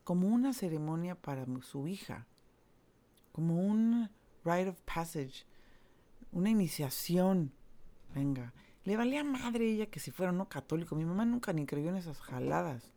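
Candid Mexican woman, low mellow voice. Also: expressive, normal speed. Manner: candid, slangy, swears freely, emotional retelling. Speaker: storyteller. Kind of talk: casual personal storytelling.

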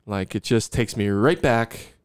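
Podcast co-host, male, smooth and a bit low, dry mic, easygoing ramble. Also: measured pace, dry recording. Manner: relaxed, rambling, trails off. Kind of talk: casual chat.

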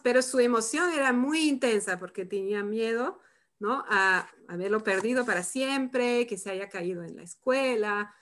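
A woman leading a live workshop, who talks calmly and reflectively and tags her phrases with "¿no?". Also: mid-range voice. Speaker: workshop facilitator. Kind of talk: live online workshop demonstration.

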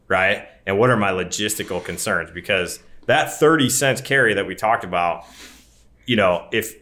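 A man gives casual advice as a podcast co-host. His voice is fairly low with a bright, forceful edge, and his manner is folksy and emphatic, often checking that the listener follows. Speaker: podcast co-host and grain marketing advisor. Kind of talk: casual advisory podcast talk.

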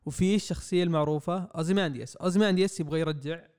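A young man, rambling excitedly through a comic review on a podcast mic. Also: a little high, racing, smooth. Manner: excitable, rambling, acts out quotes. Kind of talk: casual podcast review chat. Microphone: podcast microphone.

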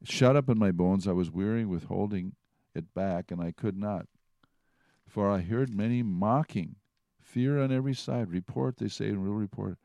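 A man's voice: fairly low pitch, normal speed, creaky, warm tone, no room sound, studio quality. A man teaching from the Bible in a conversational way, retelling and reading passages aloud. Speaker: preacher.

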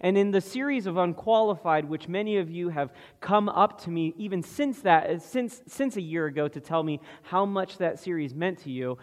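A man preaching a sermon as pastor, slow and deliberate, asking the congregation questions. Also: sits high. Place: church sanctuary. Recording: long reverb of a large hall.

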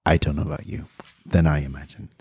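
A man's voice: rumbling low, flat delivery, quick pace, warm tone, breathy edge, no room sound. A man hosting a casual group chat with a wry, dry humor. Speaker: podcast host.

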